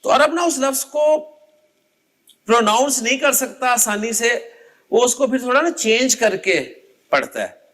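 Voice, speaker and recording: A man's voice: very high-pitched, lively intonation, unhurried, long pauses, sharp tone. A man teaching an Arabic grammar class, explaining patiently and calling on students by name to recite word endings. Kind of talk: classroom lecture.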